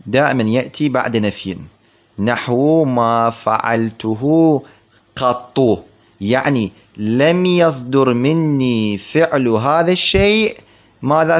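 A man teaching a grammar text in class, explaining slowly, repeating words for emphasis and posing questions to his students. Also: medium pitch. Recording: dull lo-fi recording.

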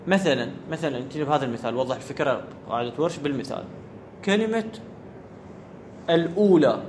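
A high-pitched man teaches a grammar class. He keeps asking whether the point is clear and repeats key words. Faint noise sits under the recording. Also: lively intonation, fast talker, darkish tone. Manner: asks students questions and repeats key words. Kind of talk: classroom lecture.

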